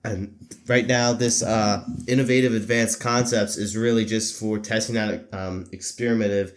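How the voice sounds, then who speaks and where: Man, podcast host, stuffy nose, lowish voice, casual rambling, lots of uhs, keeps clearing his throat. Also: steady tone, normal speed. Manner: rambling with frequent fillers and self-corrections. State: stuffy from allergies. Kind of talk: casual solo podcast talk.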